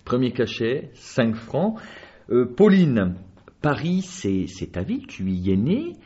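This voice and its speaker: A man hosting a radio interview, asking questions with animated emphasis. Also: medium pitch, slow, breathy edge, lo-fi sound. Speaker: radio host.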